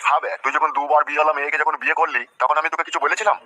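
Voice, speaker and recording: A man's voice: a little high, little pitch movement, sharp tone, no echo. An actor voicing a foul-mouthed middle-aged village father-in-law who rants and curses in a comic cartoon dub. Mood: ranting. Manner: rapid cursing rant.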